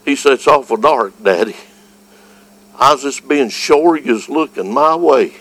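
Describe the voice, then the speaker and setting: A man with a Southern US accent delivers a fervent evangelical revival sermon, folksy and full of exclamations, swinging from quiet storytelling to shouting. His voice sits at a medium pitch, expressive, and he keeps a measured pace.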